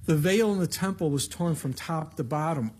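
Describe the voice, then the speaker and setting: A man's voice: on the high side, normal speed, darkish tone, a little hiss or hum. A male pastor giving an evening Bible-teaching sermon into a pulpit microphone, preaching in a conversational, plain-spoken way with emphatic asides.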